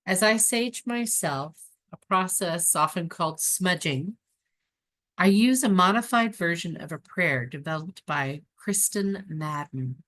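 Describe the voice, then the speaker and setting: A woman with a notably low voice reads aloud from a spiritual book. Her delivery is calm and unhurried, and she breaks in now and then with casual, chatty asides.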